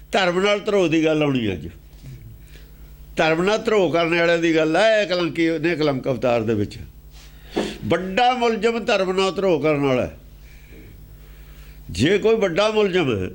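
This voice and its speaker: Male preacher, higher pitch, very animated delivery, repeats phrases for emphasis, chants verses then explains them. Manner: chants quoted verses slowly, then explains in rapid spoken commentary; rhetorical questions, repetitive emphatic phrasing. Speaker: preacher expounding scripture. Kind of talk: sermon.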